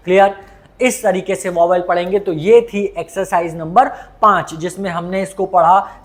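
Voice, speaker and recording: Slow-paced man drilling a lesson. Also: sits high, a bit bright. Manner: slow, repetitive drilling with frequent questions to students. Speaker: shorthand teacher. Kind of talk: classroom lesson.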